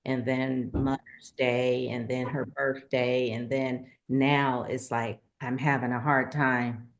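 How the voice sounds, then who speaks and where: A middle-aged woman co-hosting a heartfelt conversation, soft-spoken and hesitant, with many pauses. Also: a bass voice, little pitch movement. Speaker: co-host.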